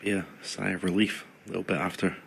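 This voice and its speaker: A man working as snooker co-commentator, giving expert analysis in a hushed, conversational way. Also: low-pitched, flat delivery, brisk, creaky. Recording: faint background noise.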